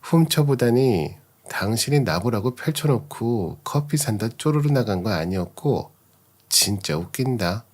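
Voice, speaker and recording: A man's voice: mid-range voice, expressive, unhurried. A man voicing a betrayed young wife who confronts her husband with cold sarcasm. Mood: scornful.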